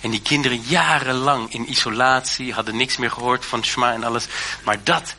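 Male preacher, earnest and halting, very bright tone. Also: mid-range voice, fairly even intonation, a little hiss or hum. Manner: earnest, hesitant with many fillers and restarts. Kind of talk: sermon.

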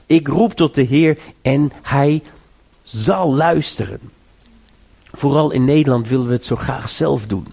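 A man's voice: medium pitch, unhurried, creaky, a little mellow. A man preaching a sermon, earnest and exhorting, repeating phrases and rising to urge listeners.

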